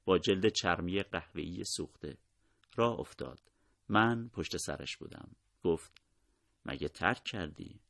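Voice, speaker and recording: A man narrating a war memoir in a steady, measured storytelling voice, his sentences often dropping quietly at the end. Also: sits low, dry recording, studio quality.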